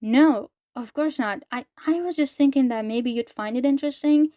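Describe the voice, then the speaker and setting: A woman's voice: high voice, normal speed, mellow, no room sound, studio quality, natural voice. A woman reading a syrupy, doting mother. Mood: sugary. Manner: syrupy, generic endearments. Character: overly sweet, affectionate adult mother.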